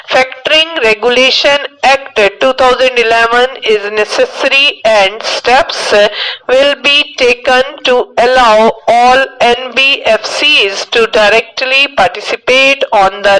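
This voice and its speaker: A woman is dictating formal text for shorthand practice. Her voice sits a little high, and she reads very slowly. Each phrase is set out in a deliberate, measured way. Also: bright, forceful tone, rough recording.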